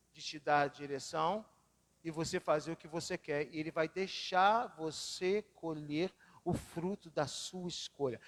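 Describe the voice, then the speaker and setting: A man preaching a sermon, telling personal stories with dramatic swings in his voice, recorded in a church hall. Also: high voice. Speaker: pastor. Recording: long reverb of a church hall.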